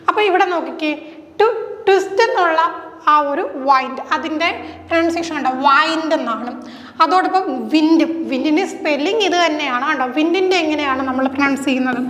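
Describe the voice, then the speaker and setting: Woman teacher, Malayali English accent, high voice, echoey room with long reverb. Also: a bit bright. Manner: asks questions and answers them herself. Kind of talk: exam-prep lesson.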